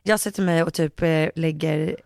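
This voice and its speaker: A woman's voice: low voice, no echo, studio quality. A woman co-hosting a chat podcast, telling a story with lots of quoted asides and laughter. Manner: animated, quotes herself with "jag bara", laughs often. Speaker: podcast co-host.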